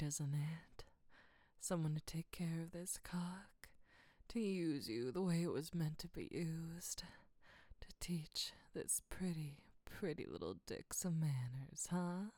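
Woman, low-ish voice, slow unhurried delivery, breathy teasing whispers for intimate roleplay. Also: warm tone, no room sound. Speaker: audio roleplay performer.

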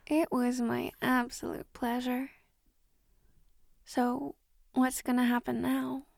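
A woman voicing a cheeky, insatiable woman in an intimate audio roleplay, talking with breathy, laughing asides. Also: high voice, monotone, slow, a little mellow, no echo, clean studio sound, heavily acted. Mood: playful.

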